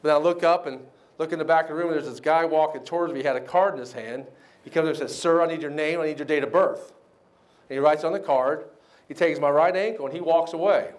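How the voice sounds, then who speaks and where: A middle-aged man from the United States giving a keynote speech at a banquet. He tells a story with lively quoted voices and keeps checking in with the crowd. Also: fairly high pitch, fast talker. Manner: animated storyteller, acts out quotes, asks the crowd "right?". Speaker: keynote speaker.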